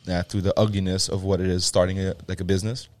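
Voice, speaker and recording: Low-voiced man telling a story. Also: little pitch movement, fast talker, a little mellow. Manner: loose, swearing storyteller. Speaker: gym co-founder. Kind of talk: casual podcast chat.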